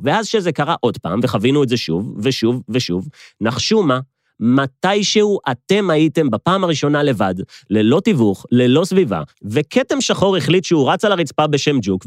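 A man's voice: mid-range voice, no room sound, clean studio sound. A man with an Israeli accent hosting a motivational podcast monologue, speaking emphatically and straight to listeners with rhetorical repetition. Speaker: podcast host.

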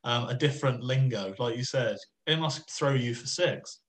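A man's voice: medium pitch, normal speed. A man interviewing a former teammate in casual chat, full of teasing banter. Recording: roomy echo.

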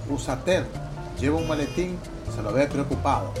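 A narrator describing scenes for a comic radio sketch in a steady, descriptive read. The pitch moves quite freely, and music plays clearly underneath. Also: fairly quick. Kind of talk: scripted narration.

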